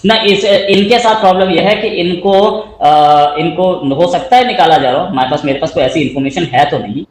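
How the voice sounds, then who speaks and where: A man with a fairly high voice talks through politics in a relaxed, conversational way. He reads viewer comments aloud and laughs easily. His voice bounces around a roomy space. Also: fairly quick. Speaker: co-host of a political talk show. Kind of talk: casual political discussion.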